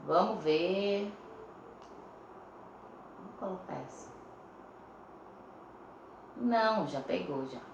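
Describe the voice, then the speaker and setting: A woman's voice: fairly low pitch, lively intonation, gravelly, reverberant, highs cut off, noisy background. A woman teacher with a Brazilian Portuguese accent, giving a lesson to young pupils, sounding words out syllable by syllable and checking in often. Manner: slow, stretches out words syllable by syllable. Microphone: phone.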